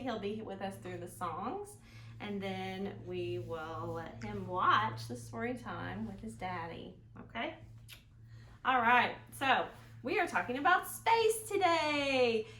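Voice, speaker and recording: A children's library storytime host leads an interactive session of songs and picture-book reading for small children, using a playful, sing-song manner and asking her young listeners little questions. Her voice is medium-pitched and a bit bright. The room is echoey, with clear background noise.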